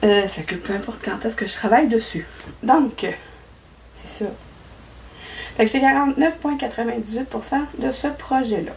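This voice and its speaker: Québécois-accented woman vlogger, rambling and giggly, higher voice, slightly distant mic with faint hiss. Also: moderate pace, vocal fry, long pauses, a little mellow. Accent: Québécois French. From Quebec. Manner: chatty, rambling, laughs often. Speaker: cross-stitch vlogger. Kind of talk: casual chat. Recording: voice a bit far from mic, faint noise.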